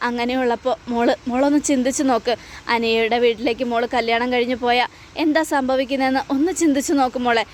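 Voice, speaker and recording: A woman reading the lines of an anxious, loving mother of grown daughters, soothing and imploring, in a high voice. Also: fairly even intonation, fast, a little hiss or hum, natural voice.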